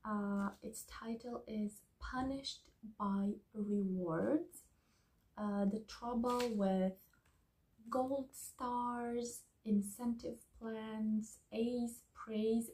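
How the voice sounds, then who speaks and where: A woman giving a soft-spoken ASMR book review, talking slowly and slipping into whispers. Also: medium pitch, creaky, low-quality recording. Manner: slow, soft, partly whispered talk.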